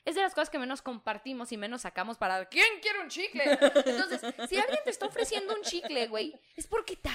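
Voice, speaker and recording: A woman's voice: high voice, sing-song, fast, hardly any pauses, a loud crowd. A young Mexican woman telling crude, slangy stories on a casual chat show, laughing often and mimicking other people. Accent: Mexican Spanish.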